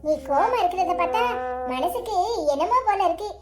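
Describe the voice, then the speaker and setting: A woman's voice: very high voice, lively intonation, fairly quick. A woman voicing an older village mother who prays, frets over her daughter and coos over her grandson in a cartoon story. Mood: fussing. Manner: scolding, fussy village talk.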